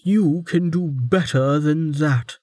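A man voices a very old, imperious female warden, pitching far above his natural range and drawling with slow, mocking stress. Her manner is teasing and sardonic in a close, dry audiobook character read. The tone is darkish with a breathy edge, and there is no room sound.

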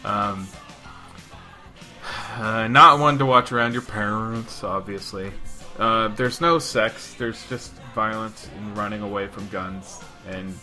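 A man co-hosting a casual movie discussion in a halting, rambling way. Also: on the low side, fairly even intonation, pushed and bright, soft background music. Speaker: podcast co-host.

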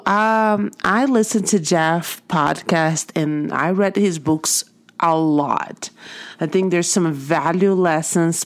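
In a lowish voice, a woman who speaks Portuguese as her first language and has a Portuguese accent gives an earnest, heartfelt motivational talk. She tells a personal story from her life as an artist and art teacher.

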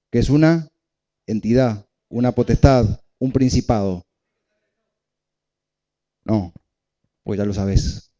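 Male pastor, emphatic repetitive preaching, very dark tone, slightly muffled recording. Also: on the low side. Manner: emphatic preaching, repeats phrases, asks the congregation questions. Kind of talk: sermon.

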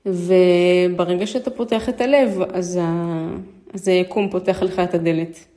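A woman's voice: lowish voice, steady tone, mellow. A woman with an Israeli accent, telling personal stories and appealing to listeners in an informal, hesitant way, repeating phrases for emphasis. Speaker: vlogger.

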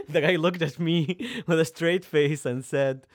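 A man's voice: on the high side, measured pace. A young man from Egypt, a native Arabic speaker with an Egyptian accent, chatting as a podcast guest in a hesitant way with frequent ums and restarts. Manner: hesitant, many ums and restarts, laughs often. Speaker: seminary student guest. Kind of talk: casual interview chat.

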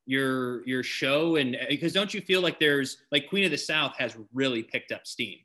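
A man's voice: medium pitch, lively intonation, normal speed, pushed and bright. A man co-hosting a podcast, asking easygoing, rambling questions in casual chat. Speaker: podcast co-host.

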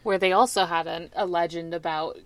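Podcast co-host lady, lowish voice, recaps the movie scenes and asks stuff, dry close sound. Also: steady tone, a little fast, no room sound. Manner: recaps scenes, asks questions, laughs easily. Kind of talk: casual film-discussion chat.

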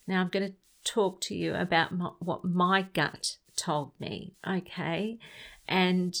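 A woman's voice: lowish voice, fairly even intonation, slow pace, fairly bright tone, low-quality recording. A woman speaking earnestly and directly to her listener, giving heartfelt advice on breaking free from toxic relationships.

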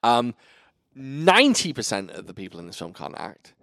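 A man hosting a casual film review chat, animated and profane, joking as he runs the talk. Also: mid-range voice, moderate pace, creaky, no echo, clean studio sound. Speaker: podcast host reviewing a film.

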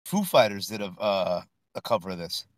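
A man's voice: on the low side, sing-song, normal speed, no room sound. A man co-hosting a casual podcast, joking and swearing while talking in a car. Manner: joking, profane banter. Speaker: podcast co-host. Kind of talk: casual chat.

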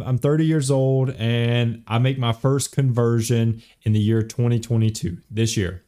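With a warm, medium-pitched voice, a young man runs a finance podcast and guides listeners through retirement accounts step by step. He repeats his main points and punctuates them with "okay?" and "right?".

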